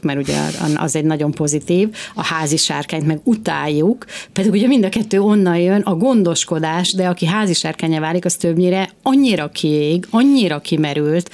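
A woman hosting a casual discussion, talking passionately and emphatically in quick bursts, a mother of two. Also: low-pitched, darkish tone.

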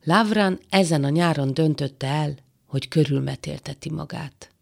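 A woman reading a literary novel aloud as an audiobook narrator, in a calm, measured way. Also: low voice, vocal fry.

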